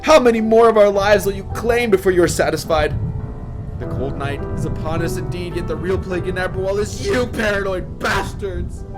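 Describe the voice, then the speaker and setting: A man's voice: normal speed, over music, lightly acted. A man voicing a furious grieving widow who screams and sobs at the soldiers in a storybook reading. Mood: bitter. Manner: shrill screaming and sobbing.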